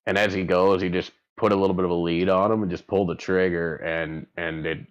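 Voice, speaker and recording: Very low-voiced male game master, halting. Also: little pitch movement, muffled recording. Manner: halting, thinking aloud. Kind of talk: casual, improvised game narration.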